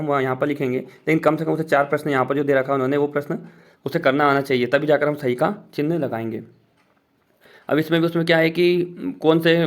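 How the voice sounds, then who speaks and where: A man teaching fellow teachers, explaining step by step as he points through a worksheet in a casual walkthrough. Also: a little high.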